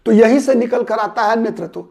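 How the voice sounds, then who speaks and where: A man's voice: extremely high pitch, fairly quick, vocal fry, a little mellow. A man hosting his own channel, giving solo political commentary. He talks analytically, repeats key names and words, and asks rhetorical questions before answering them himself.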